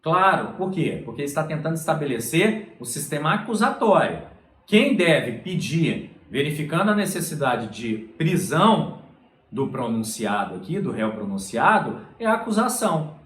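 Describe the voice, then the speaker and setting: A man's voice: on the high side, very animated, moderate pace, a bit bright, echoey room. A man giving a recorded law lecture, explaining step by step and checking in with "tá?" and "olha só".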